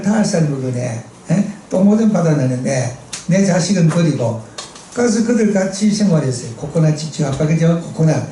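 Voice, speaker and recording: A middle-aged missionary preacher with a Gyeongsang Korean accent delivers a sermon in a church sanctuary, his voice on the high side with a dark tone. He's chatty, tells funny stories, and prompts the congregation to respond. The distant mic picks up an echoey hall and slight background noise.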